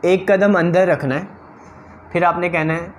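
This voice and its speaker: A man coaching interview candidates, talking straight to his viewers in a direct, advising way. His voice sits on the higher side for a man. A faint hum of noise runs under the recording. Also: fairly even intonation, unhurried. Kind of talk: instructional talk to camera.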